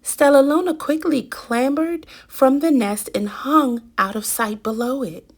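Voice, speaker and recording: A woman reading a children's picture book aloud with deliberate, dramatic emphasis. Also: sits high. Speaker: children's story reader.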